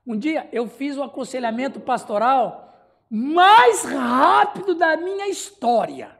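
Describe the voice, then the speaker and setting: High-voiced animated Brazilian pastor. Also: male voice, slow, vocal fry. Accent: Brazilian Portuguese. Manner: animated storyteller who acts out dialogue and laughs often. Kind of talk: expository Bible study sermon.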